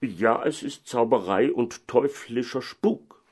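A man voicing an agitated small-town mayor who declaims slowly. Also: medium pitch, lively intonation, darkish tone, husky, pitched above the performer's own voice.

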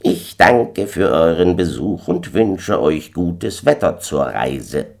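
Snippy little moon man, man putting him on, slow and mocking, pitch all over the place. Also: expressive, vocal fry, darkish tone, exaggerated voice. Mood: curt, mocking. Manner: curt, mocking, drawn out. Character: small spiteful Man in the Moon. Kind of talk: storybook reading.

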